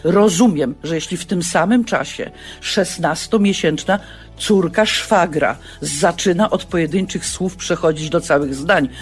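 A woman's voice: on the low side, a little slow, faint music behind. A woman child psychologist explaining child development in a reassuring, explanatory way in a radio interview.

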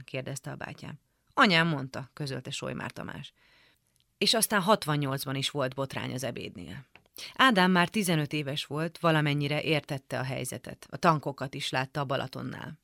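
A woman reading a literary memoir aloud for radio in a calm, measured storytelling manner. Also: extremely low pitch, vocal fry, no echo, studio quality. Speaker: radio reader. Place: radio studio.

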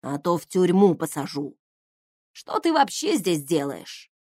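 A woman reads the part of a stern, exasperated space colonel, gruff and pushing his voice up when annoyed. the lines are slow and lively in pitch, in a storybook reading with a dry close sound. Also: no room sound. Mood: irritated. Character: stern male colonel, exasperated older brother.

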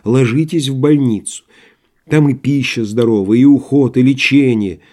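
A man voicing a soft-hearted older male postmaster who pleads with a friend in a gentle, tearful half-whisper. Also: mid-range voice, normal speed, lightly acted. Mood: coaxing. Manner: soft, coaxing half-whisper with sudden gruff barks.

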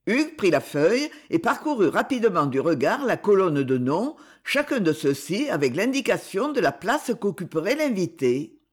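Woman narrating a novel, animated. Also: medium pitch, moderate pace, breathy edge. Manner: expressive, animated reading. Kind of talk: audiobook narration.

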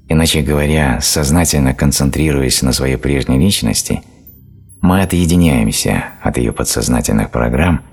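Very deep-voiced man reading an audiobook. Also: husky. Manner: steady explanatory reading. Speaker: audiobook narrator. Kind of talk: scripted narration.

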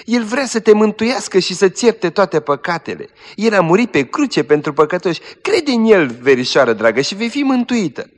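A devout young woman pleads with tender pity, as a man puts her on. Her voice sits higher than his own and softens into entreaty. The sound carries in an echoey hall. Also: big pitch swings, few pauses. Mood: pleading.

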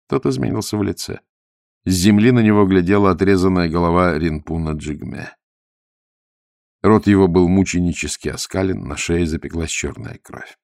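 A man narrating an adventure audiobook with vivid, expressive storytelling. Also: deep voice, creaky, dry recording, studio quality.

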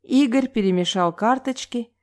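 A woman reading a novel aloud in an even, measured storytelling manner. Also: on the high side. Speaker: audiobook narrator.

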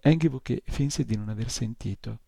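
Male audiobook reader, measured storytelling, husky and dark. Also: medium pitch, no echo. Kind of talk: novel read aloud.

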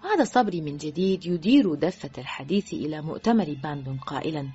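A woman narrating an audiobook of a novel in a lively, expressive reading. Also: low voice, fast talker, husky. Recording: dull lo-fi with faint music.

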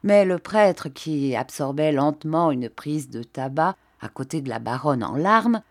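A woman reading a classic novel aloud as an audiobook, in an expressive, measured way. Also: deep voice. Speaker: audiobook reader. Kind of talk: scripted narration of a classic novel.

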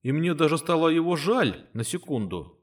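A man's voice: fairly high pitch, big pitch swings, normal speed, pitched above the performer's own voice. A man reading an audiobook, voicing a grumpy, sardonic ancestor spirit that lives in a stone. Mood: wry.

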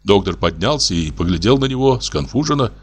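A man narrating a classic story as an audiobook, with expressive, varied intonation. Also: fairly low pitch, fairly quick, breathy edge.

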